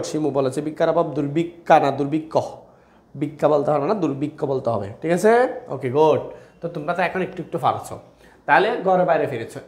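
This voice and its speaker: A young man teaching grammar to exam students over a live online class, with a fairly high voice. He talks in a chatty, repeating way and calls his students brother. The sound is echoey, as if taken in a bare room. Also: a little mellow.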